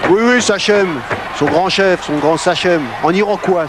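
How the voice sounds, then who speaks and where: A man's voice: sits high, measured pace. A man giving slangy wrestling colour commentary, bantering and mockingly teasing his fellow commentator. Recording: very noisy arena crowd behind voice. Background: loud crowd noise.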